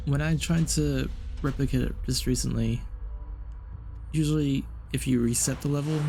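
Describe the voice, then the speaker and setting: Over game music, a man narrates a gaming video with casual, puzzled and hesitant commentary, trailing off and repeating himself. His medium-pitched voice is steady, creaky and a little mellow, at a moderate pace.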